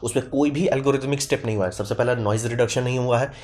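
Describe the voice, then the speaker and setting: A man casually explaining camera video formats to viewers, talking quickly and addressing them directly. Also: medium pitch, steady tone, a little mellow.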